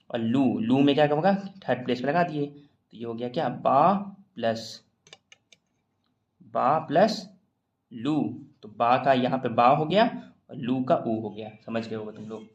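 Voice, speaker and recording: A man's voice: medium pitch, measured pace, lo-fi sound. A man teaching a shorthand lesson in casual classroom style, explaining step by step and quizzing his students.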